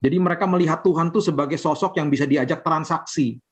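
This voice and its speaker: A man pastor preaching casually over a video call, rising in pitch when he acts out people's complaints. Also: fast talker, husky. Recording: dull lo-fi video call audio.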